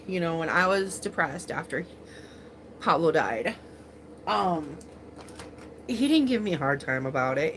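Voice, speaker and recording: With a voice on the low side, this woman in her forties hosts a casual livestream. She rambles, uses many fillers, laughs a lot and speaks with open emotion, with slight background noise behind her.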